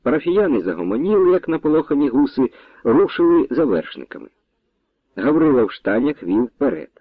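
A man narrating an audiobook with an expressive, storytelling delivery. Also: a little high, brisk, gravelly, no echo. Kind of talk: dramatic audiobook reading. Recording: dry, tinny phone-like sound.

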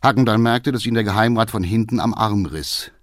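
A man reading a novel aloud as an audiobook narrator, in an expressive storytelling manner. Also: lowish voice, a little fast, no echo, clean studio sound. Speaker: audiobook reader. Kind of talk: scripted literary narration.

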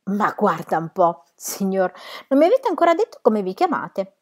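A woman voicing a shy, lonely shopkeeper who grows lively in conversation, read from a novel. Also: mid-range voice, moderate pace.

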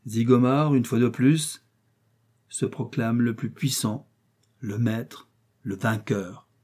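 A menacing master criminal, cold and gloating, delivering slow, measured pronouncements in an audiobook, as a male narrator puts him on. The voice is dark and a little husky. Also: medium pitch, steady tone.

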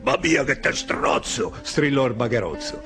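An actor reciting a comic verse fable, giving the spider and the bug their own voices. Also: male voice, mid-range voice, a little slow. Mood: theatrical. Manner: lively, voices several creatures. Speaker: actor reciting a dialect poem.

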